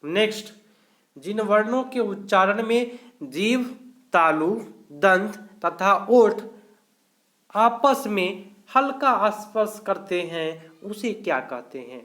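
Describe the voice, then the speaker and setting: A man teaching a live online grammar class, going through each question slowly and explaining every answer step by step. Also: sits high, animated, a bit bright. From India.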